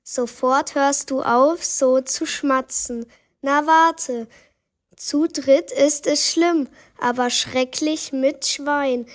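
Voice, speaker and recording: A woman's voice: high-pitched, steady tone, extremely slow. A woman voicing a frantic old grandmother who cries out in rhyme. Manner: loud rhyming outbursts. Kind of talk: rhyming story reading.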